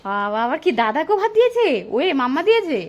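A woman hosts a casual family vlog, her very high voice leaping up and down as she teases and scolds her children. She talks to the children in an animated, playful way. Faint background noise sits under her voice. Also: quick pace, muffled recording. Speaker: family vlogger and mother.

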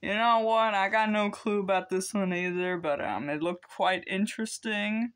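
A man's voice: sits high, normal speed, a bit bright, clean tone. A teenage boy chatting casually as he unboxes secondhand discs at home, rambling with lots of ums. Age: teens. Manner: rambling, hesitant, many ums. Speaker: vlogger.

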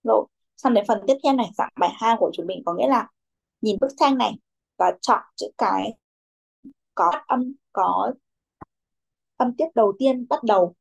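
A young woman teaching a children's English class, with a somewhat high voice. She patiently calls on pupils by name and repeats their answers back to them. She slips English words into her instructions. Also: normal speed, gravelly, long pauses, darkish tone, husky.

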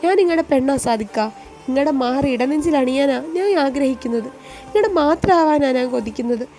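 A woman playing a heartbroken young woman, emotional and pleading, high voice. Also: a little fast, dark tone, faint music behind. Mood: anguished. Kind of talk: storytelling voice acting.

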